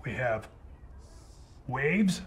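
A man's voice: medium pitch, very animated, extremely slow, slightly rough. A man teaching kids grammar in a playful, upbeat superhero persona. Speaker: teacher playing a comma superhero. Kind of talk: educational video for kids.

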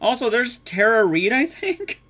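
With game music in a small indoor streaming room, a young man commentates his speedrun live in an extremely high, bright, forceful voice that swings widely in pitch. He keeps a measured pace, swearing casually and poking fun at himself.

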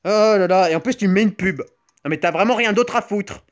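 A young man with a high-pitched voice talks briskly; Italian is his first language. As a gaming YouTuber playing mobile games, he delivers jokey, rambling commentary with sudden yelps and silly asides.

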